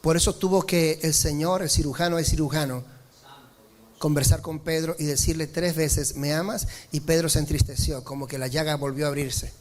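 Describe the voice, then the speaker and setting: A male pastor preaching a sermon, swinging between raised, emphatic lines and slow, low stresses, calling on the congregation to respond. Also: fairly even intonation. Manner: preaching with rises in pitch and slowed emphatic lines, asking the congregation for amen.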